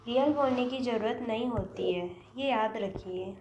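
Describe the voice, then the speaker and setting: A woman with an Indian accent teaching spoken English, going slowly and repeating each example sentence word by word. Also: on the high side, lo-fi sound. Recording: echoey room with faint noise.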